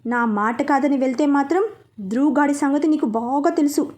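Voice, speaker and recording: A woman's voice: high-pitched, moderate pace, a little mellow, natural voice. A woman voicing a young man who is a playful, bossy husband. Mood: teasing.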